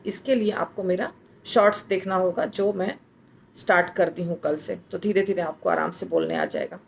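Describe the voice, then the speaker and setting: A woman's voice: mid-range voice, vocal fry, a little mellow, slight background noise. A woman teaching how to pronounce a Sanskrit verse, repeating each word many times and breaking it into its letters. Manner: repeats words over and over, breaking them into letters. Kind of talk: slow spoken pronunciation lesson.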